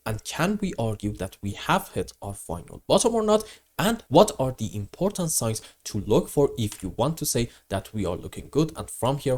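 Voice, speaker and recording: A man with a grating voice, hoarse from a cold, presenting chart commentary emphatically and answering his own questions. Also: lowish voice, darkish tone. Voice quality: grating, rough voice. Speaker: host of crypto market update.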